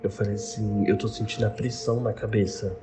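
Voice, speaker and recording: A man's voice: fairly low pitch, flat delivery. Man telling a strange experience, casual. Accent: Brazilian Portuguese. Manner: conversational, retells dialogue, halting restarts. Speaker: storyteller recounting a personal experience. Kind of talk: casual first-person account. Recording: noisy background ambience.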